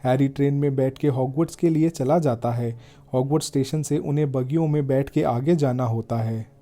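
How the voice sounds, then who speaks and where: A male narrator delivers a scripted retelling in a steady, even manner. His tone is very dark and warm, with an unhurried storyteller's flow. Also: medium pitch, faint music behind. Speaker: film recap narrator.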